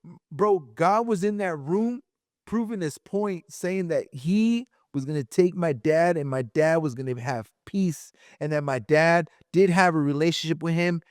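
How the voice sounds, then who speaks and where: The speaker is a male podcast co-host with a slightly high voice who takes his time. Chatting casually, he relates a personal testimony emotionally, with repeated phrases and plenty of "bro." The sound is clean studio audio with no echo.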